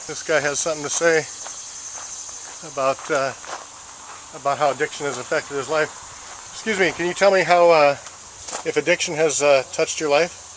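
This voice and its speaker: Halting man filming a walk outdoors. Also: on the high side, fairly even intonation, fairly bright tone, slight background noise. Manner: halting, with many "uh" fillers. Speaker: walker filming a fundraiser walk. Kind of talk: casual video diary. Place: outdoors on rural roads.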